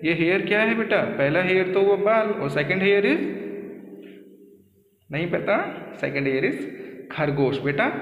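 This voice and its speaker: Slow, patient Indian male teacher. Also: high-pitched, lively intonation, reverberant, big-room sound, narrow, tinny audio. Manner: slow, patient explaining, calls students beta. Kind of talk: Hindi-English school lesson.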